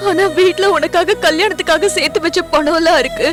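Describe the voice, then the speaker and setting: A caring young woman who pleads and comforts. Her voice sits very high, with loud music underneath in this TV serial. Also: fairly even intonation, a little fast. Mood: wounded. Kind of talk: TV serial acting.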